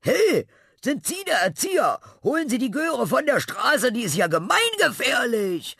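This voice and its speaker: An angry adult motorist from a children's storybook, bellowing indignantly in a strained, raised voice, as a man reading the tale puts him on. He sounds fed up and loud. The recording is dry and close. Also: very high-pitched, wildly swooping pitch, measured pace, gravelly, breathy edge, no room sound, pitched above the performer's own voice, full character voice. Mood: yelling.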